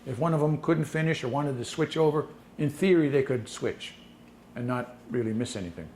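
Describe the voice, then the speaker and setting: A man's voice: medium pitch, a little fast, a little mellow. Guy teaching a language workshop, plain matter-of-fact answers, mid voice, echoey room. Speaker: language teacher presenting a session. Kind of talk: conference Q&A. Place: conference breakout room. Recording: echoey room, mic from a distance, faint noise.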